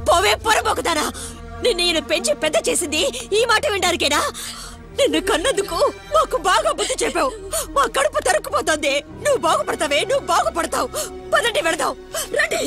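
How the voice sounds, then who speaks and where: A woman's voice: very high voice, very animated, fast talker, over music. A woman playing a grieving mother lamenting in dubbed film dialogue.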